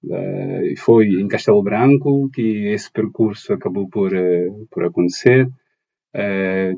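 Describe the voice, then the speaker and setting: A man's voice: on the low side, mellow, dull audio. A young man from Mozambique, a podcast guest answering thoughtfully and searching for his words with many restarts. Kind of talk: conversational interview answers.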